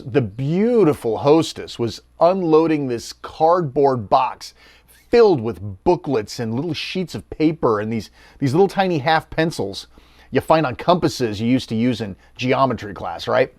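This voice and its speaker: A man's voice: medium pitch, big pitch swings, unhurried, a little mellow, no room sound. A middle-aged American man narrating a documentary in a wry, storytelling way. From United States.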